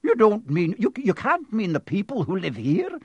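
A man's voice: fairly high pitch, expressive, slow pace, dry recording, highs cut off. A man voicing a stern, agitated older woman professor in an audiobook, emphatic and indignant. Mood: horrified, indignant. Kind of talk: audiobook character voice.

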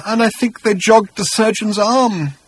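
High, cracked, half-mad journalist. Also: male voice, expressive, a bit bright, slightly rough, heavily acted. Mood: anguished whimpering. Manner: raving, agitated, halting, stammering repetitions. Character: frail half-mad male journalist, hysterical, haunted and whimpering. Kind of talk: dramatised audiobook character reading.

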